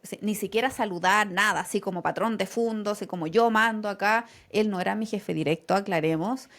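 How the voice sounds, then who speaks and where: A young woman with a Chilean accent, co-hosting a casual podcast and telling a personal story, acting out the lines she quotes with laughter. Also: mid-range voice. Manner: animated, acts out quotes with laughter. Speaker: podcast co-host.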